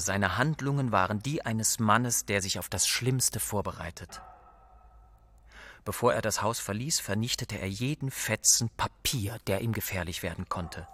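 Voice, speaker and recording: A man reading a story aloud in a measured, steady way. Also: on the low side, no room sound. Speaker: audiobook narrator. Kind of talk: scripted narration.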